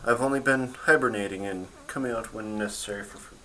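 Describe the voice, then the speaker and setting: A man voicing a calm, guarded mother bear. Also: lowish voice, fast talker, slight background noise, pitched above the performer's own voice, poor audio. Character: wary mother bear protecting her family.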